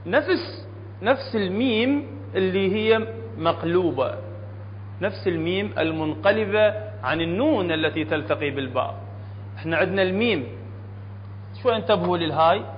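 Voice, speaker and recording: A man with an Iraqi accent teaching a Quran recitation lesson to an audience in a hall, often quizzing them with questions. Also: high-pitched. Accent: Iraqi Arabic. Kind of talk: classroom tajweed lesson. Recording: dull, echoey hall recording with faint hum.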